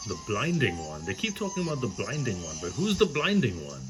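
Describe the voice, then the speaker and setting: A male gaming YouTuber talks fairly quickly in a medium-pitched voice with huge pitch swings, against a noisy background with game music. His let's play commentary is casual and self-deprecating, with plenty of swearing.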